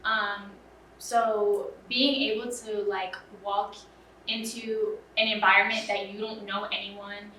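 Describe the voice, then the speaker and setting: A young adult woman student answers interview questions earnestly and casually, sprinkling in plenty of "um"s and "you know"s. Her medium-pitched voice stays fairly level, slow and sharp-toned. She sounds far from the mic in a roomy space, with faint ambience and a little hiss or hum.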